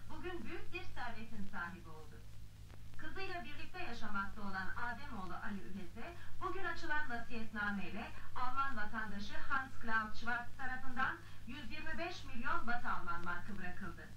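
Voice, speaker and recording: Female TV newsreader for film: formal, bright, raised pitch, distant echoey set sound. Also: lively intonation, moderate pace. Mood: formal, neutral. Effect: heard from a television set. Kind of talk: formal news reading. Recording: echoey, distant, faintly noisy television playback.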